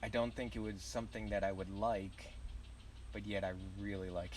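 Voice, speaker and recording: A man's voice: on the low side, steady tone, normal speed, a little mellow, recorded from a distance, slight background noise, low-quality recording. A young man with a Southern US accent, chatting loosely while streaming live, rambling and swearing casually. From southern United States. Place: outdoors at a campground.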